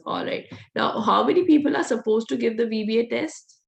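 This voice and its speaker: This woman's slightly high, hoarse voice, brisk and full of vocal fry, is nearly spent as she runs a live online VBA class with teaching and Q&A. The recording has its highs cut off. She coaches directly and laughs a lot.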